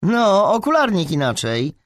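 A man's voice: high voice, wildly swooping pitch, unhurried, fairly bright tone, no room sound, clean studio sound, pitched above the performer's own voice, exaggerated voice. A man reading an audiobook, voicing a scornful, taunting teenage schoolgirl. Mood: sneering. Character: snide, mocking teenage schoolgirl.

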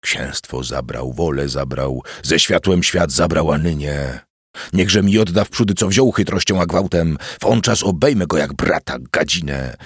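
A man's voice: very deep voice, measured pace, husky, no echo, clean studio sound, exaggerated voice. A man voicing a blind, raging old duke who wheezes and cackles bitterly, read as part of a storybook narration. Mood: bitter rage.

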